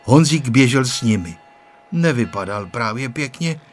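A man reading a children's story aloud as narrator, expressive and rising and falling. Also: mid-range voice, soft background music.

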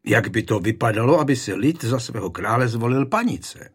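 A man with a husky voice reading the lines of an aging medieval king who is stern but affectionate with his wife. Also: medium pitch, expressive. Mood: reasoning.

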